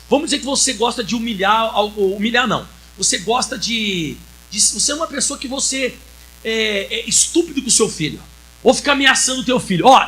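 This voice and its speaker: A male pastor with a Brazilian Portuguese accent, preaching a sermon and acting out conversations and reading scripture slowly. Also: very high voice, pushed and bright. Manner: storytelling preacher who acts out dialogue and reads scripture slowly.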